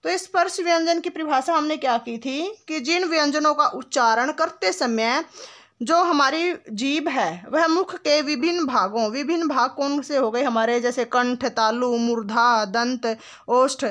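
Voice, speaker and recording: A woman with a high voice teaches grammar in a patient classroom manner. She stretches sounds and examples out slowly. She keeps asking the students questions and then answers them herself. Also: a bit bright. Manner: asks questions and answers them herself, often adds "ठीक है"; calls the listener "बेटा", patient and instructive. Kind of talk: classroom lesson explanation.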